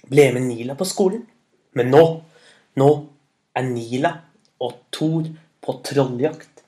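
A man narrating a children's storybook tale, animated, with sudden loud emphatic words and slow drawn-out phrases. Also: mid-range voice.

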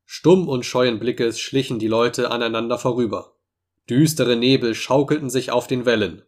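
A man narrating a classic novel as an audiobook, in a steady, measured storytelling voice. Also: mid-range voice. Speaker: audiobook reader. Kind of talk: scripted narration.

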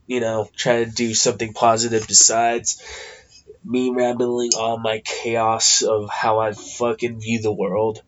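Male podcast host, American, stuffed-up nose, slow casual delivery, blunt and sweary, slightly dull lo-fi sound. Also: on the low side, monotone. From California, United States. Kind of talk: casual rambling solo podcast talk.

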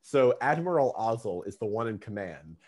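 A man on a casual movie podcast, his voice rising and falling a lot as he gets excited. He talks freely and laughs easily, clearly enjoying the chat. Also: lowish voice, moderate pace. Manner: enthusiastic, animated, laughs often. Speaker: podcast co-host.

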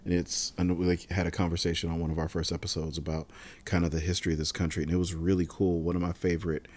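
A man's voice: deep voice, fast. A man hosting a podcast in casual conversation, enthusiastic and chatty, quizzing his co-hosts. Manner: enthusiastic, animated asides. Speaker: podcast host.

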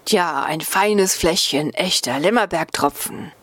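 A woman's voice: on the low side, unhurried, no room sound. A cheerful, joking male marmot who loves his food and his fun, telling tall tales with a grin, as a woman reads him in a storybook. His voice sits up close and dry, with no room sound around it. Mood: teasing. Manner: playful, teasing, fond of food and fun. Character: jolly joking male alpine marmot from the Swiss mountains. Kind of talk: storybook reading.

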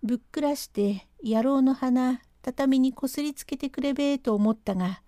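Brief: a woman playing a breathless country manservant in a storytelling reading, mellow, dry close sound, urgent tattling in broad dialect. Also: sits high, normal speed, no room sound, natural voice. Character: rustic middle-aged male servant, excitable tattler. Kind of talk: reading a classic rakugo transcript aloud.

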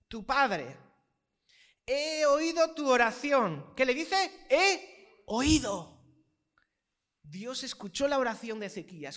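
A man preaching to his congregation in a notably high voice. He builds his points by repeating phrases and throwing rhetorical questions to the room, swinging between loud stresses and soft asides. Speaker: pastor. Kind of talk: sermon.

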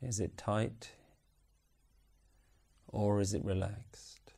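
Slow, soothing male relaxation guide. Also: lowish voice, little pitch movement, creaky, warm tone, slightly rough. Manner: slow, soothing, unhurried instructions. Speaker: meditation guide.

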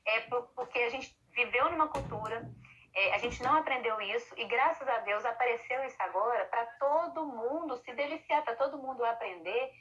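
A woman's voice: on the high side, fairly bright tone, a little hiss or hum. A woman therapist in casual conversation, acting out what parents say, on a dull lo-fi recording. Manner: talks fast, acts out parents' words. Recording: dull lo-fi sound.

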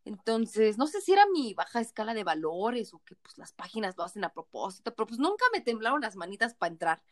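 A woman's voice: on the high side, fairly quick, no echo. A woman in her thirties with a Mexican accent, a tipsy podcast co-host telling frank stories with playful quoted voices. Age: 30s. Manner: animated, frank storytelling with playful put-on quotes. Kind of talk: casual chat.

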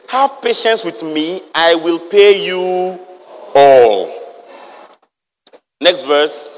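A man's voice: high voice, a bit bright, big-room sound. A man preaching a sermon, reading verses and firing rhetorical questions at the congregation. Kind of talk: lively sermon with Bible reading.

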